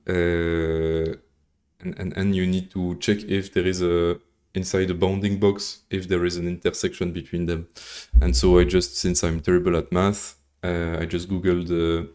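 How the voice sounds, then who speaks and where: His voice is deep and a little mellow, with little pitch movement. He is a Belgian coding streamer, French by first language, who talks through his thoughts during a relaxed live session, reading formulas slowly and tossing in dry humor.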